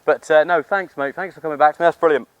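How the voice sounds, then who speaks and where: A man with a fairly high, steady voice talks quickly and casually on a hill outdoors, using matey slang like an amateur radio operator vlogging. The recording sounds muffled, with clear outdoor background noise.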